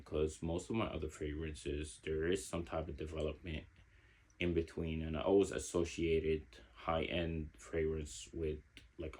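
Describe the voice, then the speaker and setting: Man, deep voice, husky tone, casual reflective review. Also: darkish tone. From Egypt. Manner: reflective, searching for words. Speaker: fragrance reviewer.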